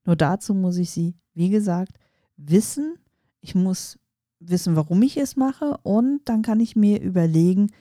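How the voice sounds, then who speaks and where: Woman in her forties, podcast host, very mellow low voice, dry close sound, calm reflective coaching talk. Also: no room sound. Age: 40s. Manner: calm, reflective, addresses listener directly.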